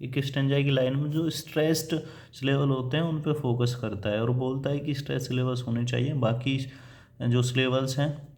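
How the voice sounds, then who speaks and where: A man delivers a patient, classroom-style lecture. He explains each point step by step, pausing on fillers. He switches between Hindi and English teaching terms. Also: mid-range voice, steady tone, a little mellow. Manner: reads quoted English lines slowly and deliberately. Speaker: assistant professor teaching English poetry.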